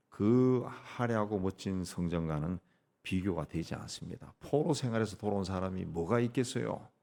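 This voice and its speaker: A man's voice: low-pitched, creaky, a little mellow. A middle-aged man preaching a dawn prayer-meeting sermon, repeating key phrases and punctuating with short affirmations, with sudden emphatic rises. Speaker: pastor. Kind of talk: early-morning prayer sermon.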